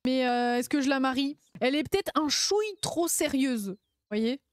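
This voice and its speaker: Woman streamer, high voice, dry close sound, slangy and laughing. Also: expressive, moderate pace, clear, resonant tone, dry recording. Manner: laughs often, slangy and playful. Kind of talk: casual live-stream chat.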